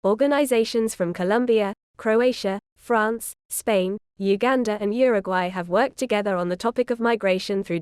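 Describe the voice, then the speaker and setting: A woman reading scripted documentary narration in an even, informative way. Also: mid-range voice, clean tone, no room sound, clean studio sound.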